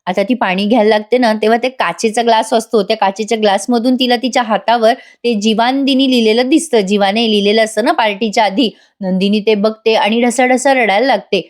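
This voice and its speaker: A woman narrates a voice-over review of a TV serial episode, chatting directly to her viewers. Her voice sits a little high, lively and conversational. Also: fairly quick, hardly any pauses.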